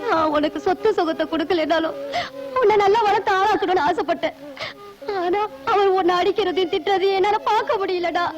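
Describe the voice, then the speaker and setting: A high-voiced heartbroken mom, pleading and weepy, dull muffled film audio with loud music behind. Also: female voice, lively intonation, a little fast, pauses often. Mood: tearful. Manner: pleading, anguished. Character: poor loving mother, tearful and protective. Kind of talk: dubbed film acting.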